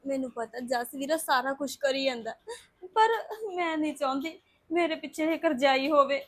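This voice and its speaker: A woman acts in a Punjabi web series as a distressed young wife, pleading tearfully and anxiously for justice. Her voice is high and her pace moderate.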